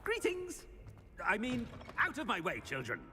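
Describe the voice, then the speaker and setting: A man's voice: extremely high pitch, wildly swooping pitch, measured pace, noisy background, exaggerated voice. A man playing a pompous, easily flustered headmaster in a video game, a petty tyrant with an imperious, dismissive way of talking. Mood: flustered bluster. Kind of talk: theatrical video game acting.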